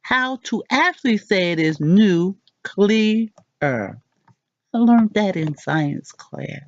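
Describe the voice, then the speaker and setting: A woman hosting a casual pronunciation lesson, chatty and self-deprecating, repeating words slowly. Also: mid-range voice, sing-song, no room sound, muffled recording. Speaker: channel host.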